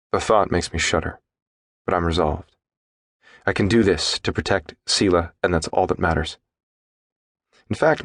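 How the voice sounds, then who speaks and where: Man, very low voice, dry studio sound, steady first-person audiobook narration. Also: no echo.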